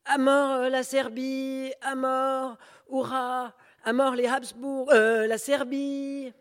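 Man doing a hoarse, shouting street demonstrator. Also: extremely high pitch, flat delivery, slow pace, voice pushed up, exaggerated voice. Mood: frenzied. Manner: shouting slogans.

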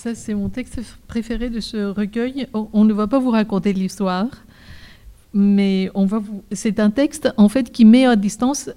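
A woman's voice: mid-range voice, unhurried, dark tone, clear, resonant tone. A woman co-hosting a literary discussion, explaining a text and then reading a passage aloud.

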